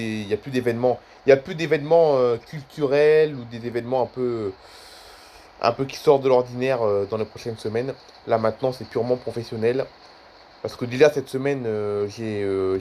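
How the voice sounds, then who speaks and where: A man's voice: medium pitch, a little mellow, slight background noise. Rambling young man, casual vlog. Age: 20s. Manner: rambling, repeats himself often. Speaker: YouTuber.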